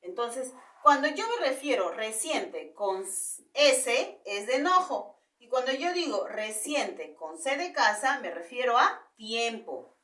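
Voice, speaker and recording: A woman with a Peruvian Spanish accent gives a school lesson in a high, very animated voice, often checking in with the class. She sounds set back from the microphone, with a roomy echo around her. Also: recorded from a distance. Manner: explains slowly with repeated rhetorical questions and "¿no?" checks. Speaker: primary school teacher.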